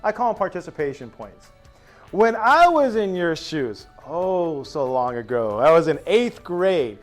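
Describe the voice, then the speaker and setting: A male teacher speaks to his new class on the first day, spinning stories with drawn-out asides. His voice sits high and swings widely in pitch. Soft music plays faintly underneath. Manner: animated storytelling, drawn-out asides.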